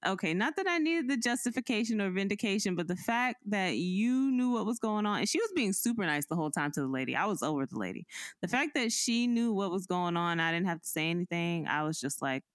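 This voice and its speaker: A woman's voice: medium pitch, a little fast, no room sound. A woman cohosting a podcast, telling a story in casual chat and acting out the people in it. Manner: animated, acts out the people in the story.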